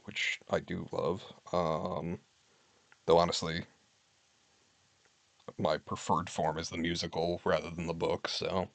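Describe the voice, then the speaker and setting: Chatting casually from his home stream, a man reads out list items and remarks on them with candid, wry humor. He sits low in pitch with a creaky quality and a fairly bright tone, recorded without echo.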